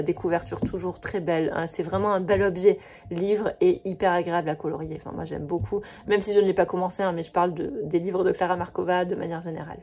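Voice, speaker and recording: Woman, thirties, casual vlog chat, mellow tone, slightly husky, gushing, lots of fillers. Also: lowish voice. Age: 30s. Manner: chatty, gushing, many fillers and restarts. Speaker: coloring book vlogger.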